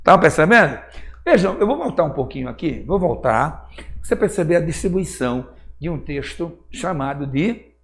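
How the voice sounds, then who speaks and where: Male teacher, pernambuco brazilian accent, high voice, explaining a play, checks on listeners. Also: sing-song, normal speed. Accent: Pernambuco Brazilian Portuguese. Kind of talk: classroom lesson reading a play aloud.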